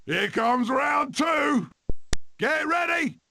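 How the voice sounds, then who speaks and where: A man voicing an eccentric swashbuckling weasel adventurer in a cartoon game, with a gravelly voice and theatrical, manic delivery. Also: very high-pitched, big pitch swings, very slow, bright, forceful tone, shouting, a little hiss or hum, exaggerated voice. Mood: battle frenzy.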